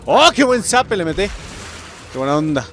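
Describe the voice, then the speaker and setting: A Mexican man doing let's play commentary, excitable, swearing and shouting at the game. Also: high-pitched, normal speed, a little hiss or hum. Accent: Mexican Spanish. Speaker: gamer host.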